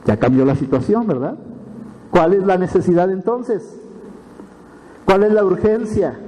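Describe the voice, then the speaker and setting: A man preaching a sermon as pastor, retelling the story with animated asides and frequent tag questions to the congregation. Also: fairly high pitch. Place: church hall. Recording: long church reverb.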